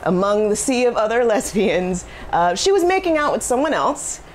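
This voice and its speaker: A middle-aged woman from Cambodia, a restaurant co-owner chatting in an interview, quick with fillers and asides, on a lapel mic in a small kitchen. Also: on the high side, animated, slight background noise. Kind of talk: casual interview. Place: small commercial kitchen, indoors. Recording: music bed underneath.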